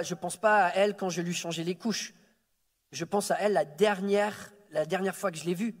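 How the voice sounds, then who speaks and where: Husky yet high-pitched, a man from France preaches a Sunday sermon as a guest in a church sanctuary. He jokes warmly about himself and stammers, repeating words when he restarts, with reverb from the hall.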